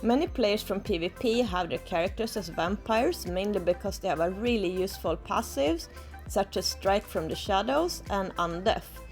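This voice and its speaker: Recording from an outdoor balcony at a tropical resort, a young gaming YouTuber with a Swedish accent gives an enthusiastic, casual game guide. She speaks at medium pitch and a moderate pace, sounding animated, with soft music in the background.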